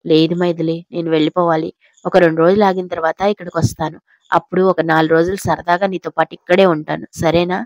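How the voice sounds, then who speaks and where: A slightly hoarse woman voicing a blunt young husband in an audio story, talking directly and a little impatiently. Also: fairly low pitch, level tone, fast, a little mellow, dry recording, natural voice. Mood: teasing.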